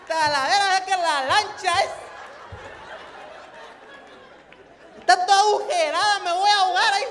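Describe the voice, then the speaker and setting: A man putting on a slurring coastal guy, lazy and loud. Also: very high voice, steady tone, fast, some chatter behind, slight background noise, pitched above the performer's own voice. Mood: lazy, whiny. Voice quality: slurred, mumbled coastal drawl. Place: theater stage.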